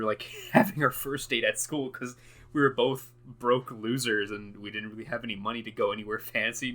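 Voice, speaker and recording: A man's voice: fairly low pitch, bright, forceful tone. A young man recording an unscripted audio diary, rambling and hesitant with many fillers and restarts, often breaking into laughs. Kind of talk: unscripted casual monologue.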